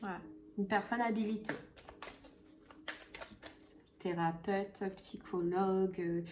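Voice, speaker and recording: A woman's voice: medium pitch, fairly even intonation, takes it slowly, a little mellow, soft background music. A woman giving a casual tarot reading, chatty and full of fillers and repeated phrases. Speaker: tarot reader.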